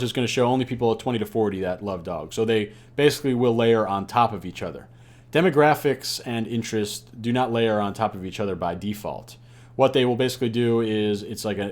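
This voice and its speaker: A man's voice: fairly low pitch, darkish tone. A man teaching an online course in a loose, conversational way, full of "you know" and "uh" fillers. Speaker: online ads instructor. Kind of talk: casual unscripted lecture.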